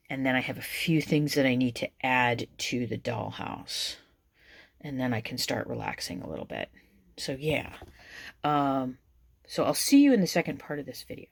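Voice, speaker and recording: A woman who makes craft videos talks through her work as she demonstrates each step, chatty and unscripted. She rambles, restarts sentences, fills pauses with ums, laughs at herself, and has the hiccups. Her voice is bass and creaky, and the recording is dry.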